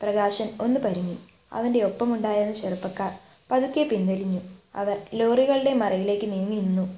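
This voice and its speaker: A woman's voice: medium pitch, dark tone. Woman reading a literary story aloud. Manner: measured, re-reads slips aloud. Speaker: story reader. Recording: echoey room.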